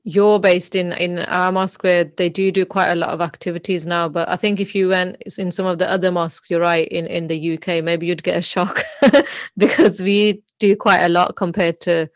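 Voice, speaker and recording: A woman's voice: fairly low pitch, little pitch movement, normal speed, no room sound. A woman, hosting a casual chat and encouraging her guest with frequent listening cues. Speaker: host.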